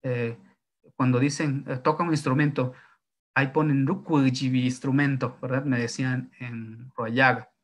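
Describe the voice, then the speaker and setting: A man whose first language is Zapotec teaches how to write his language's tones. He talks with a middle pitch. He pauses often with fillers and checks in with tag questions. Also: steady tone. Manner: thinks aloud with many fillers and tag questions. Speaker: linguist. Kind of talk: explanatory talk on writing tones.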